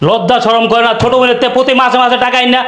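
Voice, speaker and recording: A high-voiced, rapid-fire bully of a husband, played by a man, hectoring his in-laws. His tone is bright and hard-edged. The scene sits in an echoey room. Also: flat delivery. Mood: angry bullying. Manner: hectoring, shouting threats. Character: greedy bullying young husband, threatening. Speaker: son-in-law demanding money. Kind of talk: amateur short-film acting.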